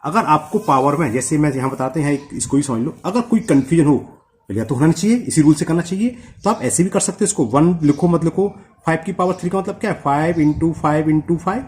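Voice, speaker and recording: A young man teaching a whiteboard maths lesson step by step. He keeps asking the viewer quick questions and slows right down to read out formulas. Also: fairly high pitch, animated, a little mellow.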